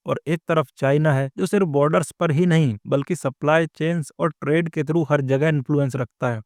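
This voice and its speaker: A man delivers a scripted explainer in a slightly raised voice, measured and analytical. He talks straight to the viewer and drops English words into his Hindi. The recording is dry and close, with no room sound. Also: a little high, no echo. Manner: steady, analytical, addresses viewers directly. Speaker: explainer host. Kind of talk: scripted explainer on world affairs.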